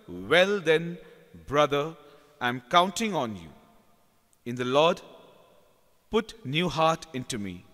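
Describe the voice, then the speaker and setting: A man with an Indian English accent, a lector leading the psalm and reading scripture slowly and deliberately, with the cathedral echo of a large church. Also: a little high, sharp tone. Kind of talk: liturgical reading. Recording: long church reverb.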